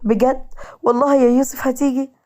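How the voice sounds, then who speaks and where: A woman's voice: high voice, flat delivery, fairly quick, warm tone, pitched above the performer's own voice, close to an everyday voice. A woman voicing a young woman in a storybook tale, emotional and pleading, with an Egyptian accent. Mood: cheerful. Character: young woman, tearful and teasing. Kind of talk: storybook character reading.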